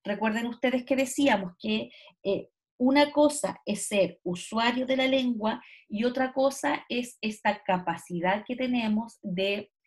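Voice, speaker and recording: A woman teacher, giving an online lecture and often checking in with her students. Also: fairly high pitch. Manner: explanatory, often checks in with "¿cierto?" and "¿ya?". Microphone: computer mic on a video call.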